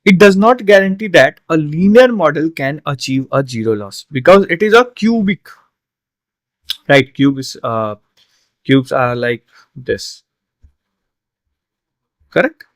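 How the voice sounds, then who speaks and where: A man's voice: on the high side, big pitch swings, a little slow, long pauses, dry recording. A man tutoring an exam solution, explaining step by step with frequent fillers and tag questions, a little tired. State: yawning, tired. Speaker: online tutor.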